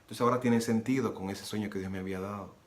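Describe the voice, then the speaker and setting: This earnest religious testimony comes from a Nicaraguan man who talks fast, with a low-leaning voice and fairly even intonation, repeating phrases and acting out the dialogue. Soft guitar music and a roomy echo fill the recording, along with a little hiss or hum.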